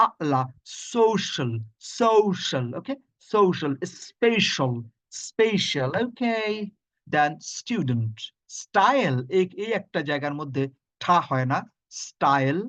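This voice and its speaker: Over a video call, a middle-aged phonetics lecturer with a Bangladeshi accent runs an online pronunciation lesson. He works through words one sound at a time, spelling the sounds out and repeating each word slowly. His voice is fairly high-pitched and a bit bright, with no echo.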